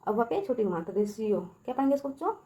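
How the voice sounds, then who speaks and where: Female tutor, slightly high voice, patient call-and-response teaching style, echoey room. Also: animated, rapid-fire, warm tone. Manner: addresses kids repeatedly, checks with "ठीक है" and quiz questions. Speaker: English teacher. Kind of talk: Hindi classroom-style video lesson.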